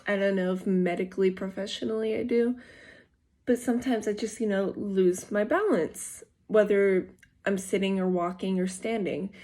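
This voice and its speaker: A young woman tells a personal story straight to her viewers in a casual vlog. Her voice is mellow and warm, at a middling pitch. She rambles along, restarting sentences and leaning on fillers. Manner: rambling, with frequent fillers and self-corrections. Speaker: vlogger.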